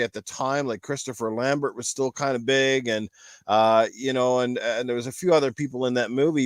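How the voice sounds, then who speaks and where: A man with a medium-pitched voice, recorded with no echo, hosts a casual podcast panel. He chats about games and films, rambling through his opinions and repeating points for emphasis.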